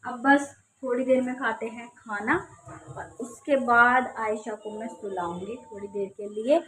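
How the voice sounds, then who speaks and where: A woman's voice: on the high side, fairly even intonation, unhurried, fairly bright tone, a little hiss or hum. A woman and mother chatting casually to her viewers in a family vlog, talking straight to the audience and sometimes scolding her child in exasperation. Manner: chatty, addresses viewers directly. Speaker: vlogger and mother.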